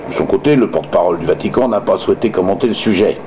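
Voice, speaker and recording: A man's voice: low-pitched, racing, noisy background. A man reading news like an amateur radio host, stumbling and hesitating, with sardonic personal asides.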